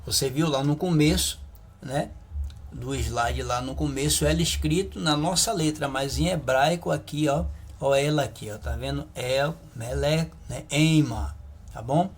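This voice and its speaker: A man teaching a Bible lesson in a slow video, patiently pointing at a slide and checking in with his listeners. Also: on the high side, slightly rough.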